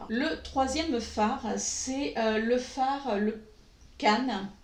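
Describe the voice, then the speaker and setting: Slow-talking woman, echoey room. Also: on the high side. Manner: slow, hesitant, many pauses and fillers. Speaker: beauty vlogger. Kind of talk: makeup tutorial talk.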